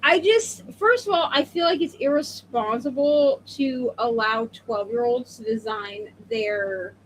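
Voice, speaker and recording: Co-hosting a laid-back live book readalong, a woman in her thirties rambles through her opinions, punctuating them with emphatic asides. Her voice is a little high and unhurried, and the rough recording has a bit of hiss or hum.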